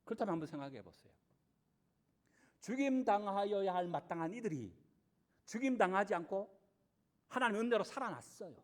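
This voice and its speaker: A male pastor delivers a sermon in an unusually high voice. He keeps turning to his listeners with rhetorical questions as he preaches. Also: sing-song, a little fast, long pauses.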